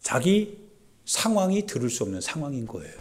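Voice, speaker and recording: A man pastor giving a Sunday sermon in a church service, talking conversationally and swinging from loud pleading to hushed asides. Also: mid-range voice, sing-song, fairly quick, slightly rough.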